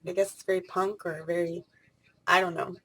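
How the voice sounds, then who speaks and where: This late-twenties vlogger speaks briskly in a lowish voice that is bright and forceful, with a flat delivery. Her talk is rambling and spontaneous, packed with fillers and restarts.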